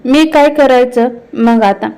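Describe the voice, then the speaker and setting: A woman's voice: sits high, takes it slowly, dark tone, clean tone. A woman voicing a tearful young village bride who speaks in rustic village speech. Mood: hurt.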